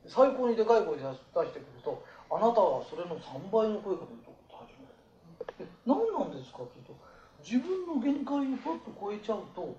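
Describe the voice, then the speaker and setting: A man giving life advice to a small group in blunt, rough, colloquial talk. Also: high voice, dark tone, reverberant, highs cut off, slight background noise.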